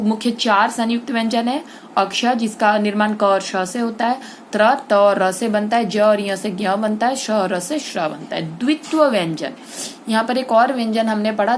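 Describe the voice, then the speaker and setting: A woman teacher walks young pupils through a grammar lesson at a mid pitch, setting her own questions and then answering them. She goes one step at a time, with plenty of checks that everyone is following. A faint hiss sits under the recording. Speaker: Hindi teacher.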